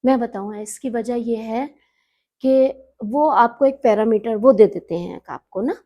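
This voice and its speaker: A middle-aged woman being interviewed on a podcast, with a slightly high voice. She talks in a measured, reflective way and turns teacherly, leaning on single words and repeating them until they are pronounced right. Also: highs cut off. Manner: teacherly, stresses and repeats words to correct pronunciation. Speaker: guest, newspaper editor and poet.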